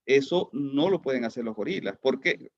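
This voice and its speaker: A man's voice: medium pitch, expressive, normal speed, dry recording, highs cut off. A man teaching an online class, who keeps asking his students questions and repeats words as he goes. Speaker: lecturer.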